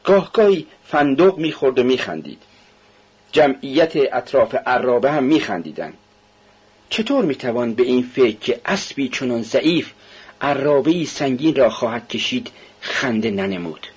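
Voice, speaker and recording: A man reads a novel aloud in an even, measured narration. His voice is very husky and breathy, sitting at an ordinary pitch. The recording sounds dull and muffled. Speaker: audiobook narrator.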